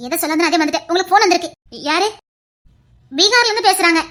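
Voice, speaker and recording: A woman playing an eager young niece in a comedy serial, talking quickly with a Tirunelveli Tamil accent. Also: extremely high pitch, fairly bright tone.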